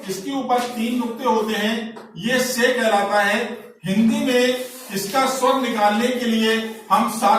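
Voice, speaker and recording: गूंजते कमरे में धीरे समझाते उस्ताद. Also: male voice, high-pitched, fairly bright tone. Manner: slow, explanatory, repeats each letter with example words and checks "ठीक है?". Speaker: Urdu teacher. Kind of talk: patient classroom lesson on writing letters. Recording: very echoey room, mic far off, faint noise.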